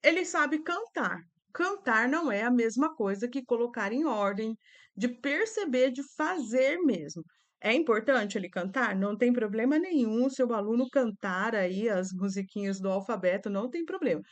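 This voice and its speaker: A woman's voice: on the high side, animated, moderate pace. A Brazilian woman teacher with a Brazilian accent, explaining reading activities to other teachers in a chatty way, checking in often with little tag questions. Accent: Brazilian Portuguese.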